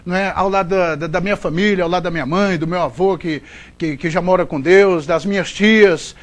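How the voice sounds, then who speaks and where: A middle-aged sports broadcaster from Goiás, speaking with a Goiás Brazilian Portuguese accent, gives chatty, rambling interview answers. His voice sits high and moves fairly quickly, full of frequent fillers and restarts.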